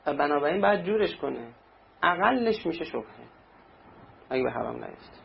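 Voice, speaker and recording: This man preaches conversationally, acting out small anecdotes in a gravelly, fairly high voice with lively intonation. The dull lo-fi recording carries faint ambience and slight background noise.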